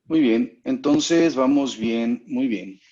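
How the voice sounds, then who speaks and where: A man's voice: medium pitch, slow pace, mellow. A man teaching an online class, explaining step by step and often checking that his students follow. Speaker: instructor. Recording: muffled lo-fi online call audio.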